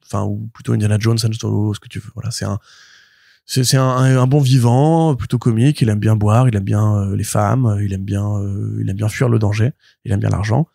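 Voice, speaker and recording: A man's voice: lowish voice, brisk, gravelly, no echo, studio quality. Chatty man retelling a comic plot. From France. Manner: animated storytelling with frequent fillers and restarts. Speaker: podcast co-host, comics reviewer. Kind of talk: casual podcast chat.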